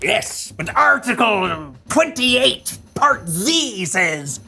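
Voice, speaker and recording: Brief: a man playing a gruff, gravelly pirate, boastful and stubborn, with a bright, lively voice, for a kids' comedy sketch. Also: high voice, extremely slow, over music, heavily acted. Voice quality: gruff, growls "arg". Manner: argues by citing rules.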